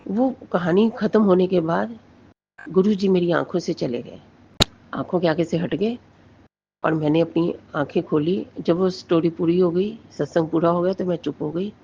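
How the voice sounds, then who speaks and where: Middle-aged lady telling her devotional story, earnest, gravelly kinda raspy voice, lo-fi sound. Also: lowish voice, moderate pace, dark tone, a little hiss or hum. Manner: earnest, storytelling, switches into Punjabi in quotes. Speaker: devotee sharing her experience. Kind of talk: personal testimony to a listener.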